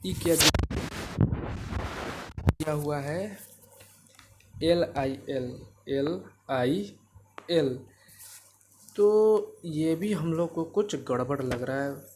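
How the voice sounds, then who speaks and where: A man with a voice on the high side walks children through a math worksheet, with background noise in the recording. Patient and drawn out, he addresses viewers as kids, repeats himself, and keeps asking "right?" to make sure they follow, classroom style.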